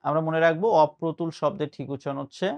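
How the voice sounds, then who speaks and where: A man's voice: fairly high pitch, little pitch movement, rapid-fire, muffled recording. Man tutoring on pronunciation. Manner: patient, explanatory, mixing English words. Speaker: admission test tutor. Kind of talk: casual spoken lesson.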